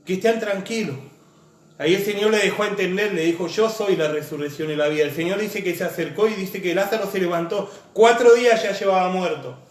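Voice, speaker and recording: A man preaching, his voice pitched high for a man and ringing with reverb in a church room. He talks earnestly, stacking repeated phrases and lists as he weaves personal testimony into the sermon.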